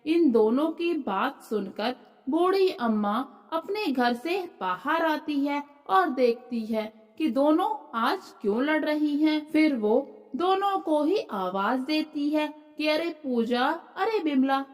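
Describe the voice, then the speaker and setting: A woman narrating a moral folk story in a calm, even storytelling manner. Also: high-pitched, slow pace.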